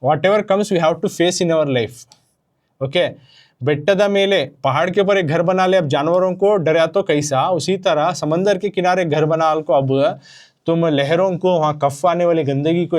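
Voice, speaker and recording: Male teacher, slightly high voice, patient repetitive classroom explaining. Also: darkish tone. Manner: explains slowly, repeats phrases, mixes in English.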